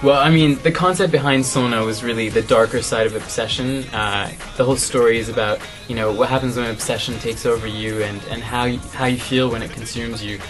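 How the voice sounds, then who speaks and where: A man's voice: medium pitch, steady tone, fairly quick, hardly any pauses, fairly bright tone, soft background music. Young man chatting in a studio. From Canada. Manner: thoughtful, many "you know" fillers. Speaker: singer, interview guest. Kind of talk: casual interview answers. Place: music studio, indoors.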